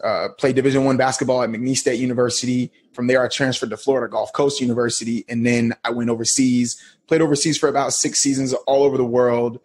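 Slangy, husky-voiced male guest. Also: medium pitch, fast, few pauses. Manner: relaxed, slangy, storytelling. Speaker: podcast guest. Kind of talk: casual interview talk.

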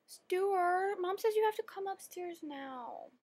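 A woman acting out herself as a little girl of six, eager and innocent, in a high, piping childish voice. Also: lively intonation, takes it slowly, darkish tone, full character voice.

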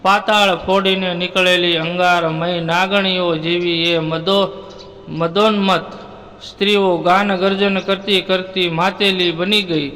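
Sex: man. Role: storyteller and channel host. Style: reading a folk tale aloud. Pitch: high. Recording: long hall reverb. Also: flat delivery, sharp tone. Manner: measured, descriptive storytelling.

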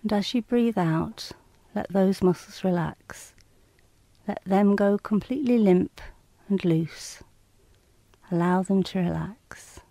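A woman guides listeners through scripted relaxation, her medium-pitched voice creaky yet calm and soothing, measured and slightly clinical. The audio carries no echo.

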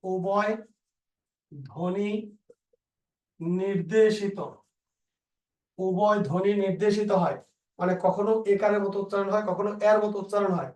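A male teacher with a Bangladeshi Bengali accent, slowly dictating spelling rules and repeating example words. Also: sits high, fairly even intonation, a little mellow. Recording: echoey room, voice a bit far from the mic.

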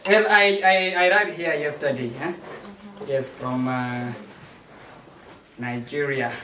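A man's voice: fairly high pitch, fairly even intonation, takes it slowly, sharp tone. A man playing a chatty American surveillance expert in an amateur stage play, talking hesitantly and tagging lines with "eh?". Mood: explaining. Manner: hesitant, tags sentences with "eh?". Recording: roomy, distant mic with faint noise.

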